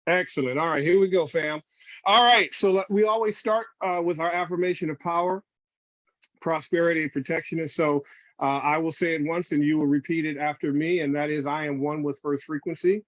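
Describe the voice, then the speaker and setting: A man's voice: fairly high pitch, fairly even intonation, fairly quick, dry recording. Man, reverend giving an online lecture, video call audio, muffled and dry, calls everyone family. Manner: warm familiar address, calls listeners family. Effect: video call audio in a screen recording. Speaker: reverend and webinar presenter. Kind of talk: spiritual lecture to an online audience.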